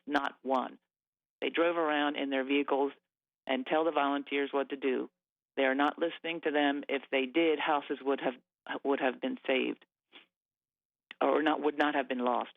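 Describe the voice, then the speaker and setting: A man calling in to a radio show over the phone, talking in an agitated, halting way with many fillers and restarts. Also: mid-range voice, gravelly, dry recording. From Nova Scotia. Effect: radio show caller on a phone line. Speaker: caller. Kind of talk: agitated call-in talk. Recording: tinny phone line.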